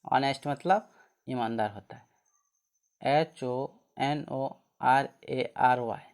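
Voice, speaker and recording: A man gives a pronunciation lesson at an unhurried, deliberate pace. He spells out each word letter by letter, then says it again slowly. He poses questions to the class and answers them himself. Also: medium pitch, gravelly. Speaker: teacher.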